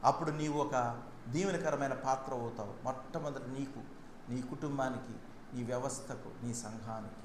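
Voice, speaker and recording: A male pastor preaching a sermon and mixing in English lines. He swings between loud, urgent declarations and sudden soft, low asides. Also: steady tone, moderate pace. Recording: echoey room with faint background noise.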